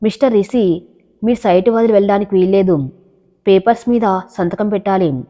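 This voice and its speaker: A woman's voice: mid-range voice, fairly quick, mellow, close to an everyday voice. A woman voicing a stern, curt male municipal officer in a storybook reading with long echoey reverb.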